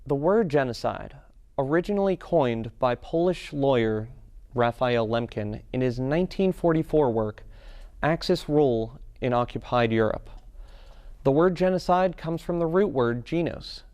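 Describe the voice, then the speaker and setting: A man reading scripted documentary narration in a measured, dramatic voice-over style. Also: mid-range voice, lively intonation, darkish tone, dry recording. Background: music.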